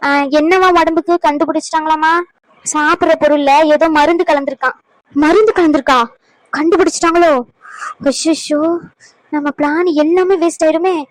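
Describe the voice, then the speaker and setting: A woman's voice: sits high, fairly even intonation, brisk, dry recording, lightly acted, low-quality recording. A woman voicing a scheming woman in a cartoon who gloats in asides and fakes worry in front of the family. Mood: feigned concern. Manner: sly gloating asides, fake worry when others listen. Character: scheming woman who secretly plots against a pregnant girl. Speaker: cartoon character.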